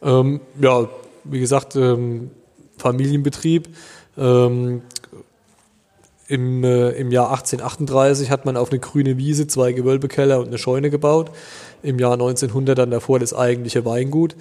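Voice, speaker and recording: A man in his thirties from Germany, a winemaker answering interview questions in a relaxed, hesitant way with many fillers. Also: mid-range voice, normal speed, in a large hall. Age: 30s.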